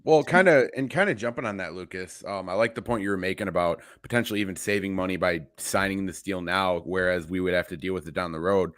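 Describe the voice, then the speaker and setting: A man's voice: deep voice, fast, few pauses, a bit bright, no echo, clean studio sound. A young man co-hosting a sports podcast, talking casually in an emphatic, profane way. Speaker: podcast co-host.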